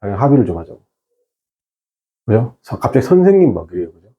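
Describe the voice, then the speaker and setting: A man's voice: mid-range voice, very animated, fast, muffled recording. A man teaching an exam-prep English class, firing rhetorical questions and mixing in English terms. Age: 30s or older. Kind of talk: online lecture with an anecdote.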